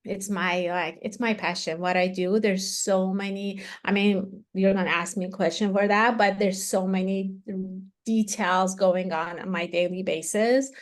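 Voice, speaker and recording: An Iranian woman in her 40s, founder of an activewear company, chats casually as an interview guest, full of fillers and restarts. Her voice sits in the mid range, her tone is steady, and she doesn't hurry.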